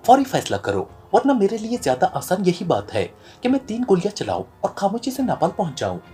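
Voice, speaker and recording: A man voicing a stern, sharp-witted male secret agent, reading in a serious tone from an audio novel. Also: on the high side, huge pitch swings, fairly quick.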